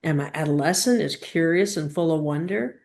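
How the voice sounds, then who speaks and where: Her low, slightly mellow voice carries a spiritual teaching, delivered deliberately in halting phrases with strong pauses and questions meant to guide listeners.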